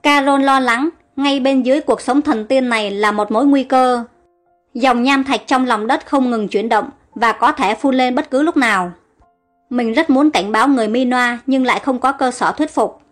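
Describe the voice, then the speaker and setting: A woman narrating an audiobook story in a steady, plain reading manner. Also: high voice, normal speed, faint music behind.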